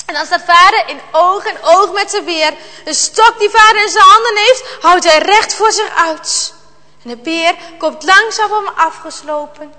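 A woman reads a children's Bible story in a very high, bright voice. She tells it slowly and dramatically, with hushed tension. Long reverb trails behind her words.

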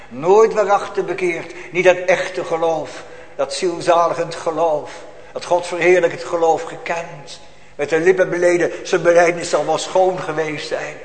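A man preaching a sermon emphatically, repeating phrases and swinging from loud to hushed. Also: a little high. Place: church. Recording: echoey church hall with faint ambience.

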